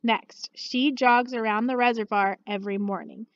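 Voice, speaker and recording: Woman, teacher, recorded lesson, steady and patient, frequent check-ins, somewhat high voice, lo-fi computer audio. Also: moderate pace, dry recording. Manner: patient, steady, uses many "okay" and "all right" check-ins. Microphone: computer mic.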